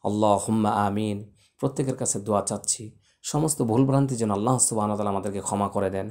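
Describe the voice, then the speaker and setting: A man teaching Quran recitation, spelling out letters slowly and chanting verses with long drawn-out vowels. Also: lowish voice, a little mellow. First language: Bengali.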